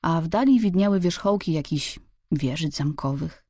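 Mellow low-voiced woman narrating a story. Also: expressive, moderate pace, no room sound, clean studio sound. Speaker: audiobook narrator. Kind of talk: scripted narration.

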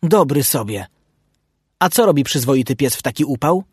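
A man's voice: medium pitch, expressive, moderate pace, breathy edge, no room sound, studio quality. A man voicing a stern, fussy grown-up dog. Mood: scolding. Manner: scolding, self-important.

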